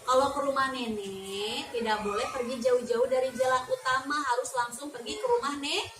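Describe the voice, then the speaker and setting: The speaker is a young woman teacher, a young adult, with a high voice at normal speed, captured off-mic at a distance in an echoey room with clear noise. She reads a story to the class and then quizzes a child with coaxing questions and half-said words to complete.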